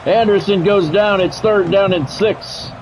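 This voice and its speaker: He speaks at a measured pace in a high-pitched voice against a noisy background. A middle-aged or older man, he provides live football video game play-by-play in clipped announcer phrases, getting excited on big plays.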